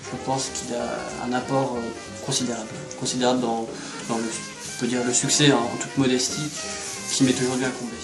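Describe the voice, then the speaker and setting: A man's voice: mid-range voice, level tone, a little fast, far from the mic, lightly acted. Man acting as pretentious film auteur, comedy parody, hesitant and rambling, mock-modest, roomy echo, music behind. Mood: self-important. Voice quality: hesitant, filler-laden delivery. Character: pompous, self-satisfied intellectual male film director. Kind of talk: parody interview, improvised-sounding.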